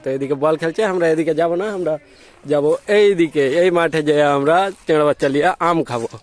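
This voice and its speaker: A man's voice: a little high, steady tone, fast talker, dry recording. A young man from Malda with a local Bengali accent, chatting casually in a vlog from a mango orchard and calling out to friends and kids. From Malda, West Bengal. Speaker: vlogger.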